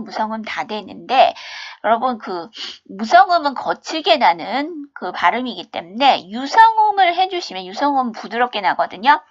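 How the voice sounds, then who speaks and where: A woman teaching an English lesson, explaining step by step, asking and answering her own questions, and reading example sentences slowly and with exaggeration. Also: fairly high pitch, dull audio. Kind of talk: recorded online English lesson.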